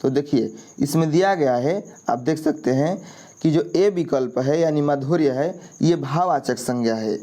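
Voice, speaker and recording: Hindi tutor man, slightly high voice. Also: moderate pace, mellow. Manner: repetitive, checks in with "ठीक है" often. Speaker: exam prep teacher. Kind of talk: explaining a Hindi grammar quiz.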